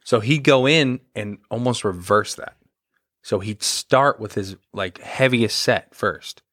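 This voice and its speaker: A young man co-hosting a podcast, chatting casually about fitness in a relaxed, rambling way with lots of fillers. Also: on the low side, slow pace, no echo, clean studio sound. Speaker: podcast co-host.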